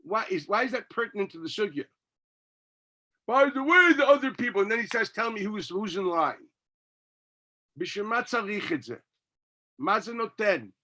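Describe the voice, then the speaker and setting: A man's voice: high voice, sing-song, fairly quick, pauses often, pushed and bright. A man gives a Talmud class as a rabbi, reading text and arguing through it with his own questions and answers.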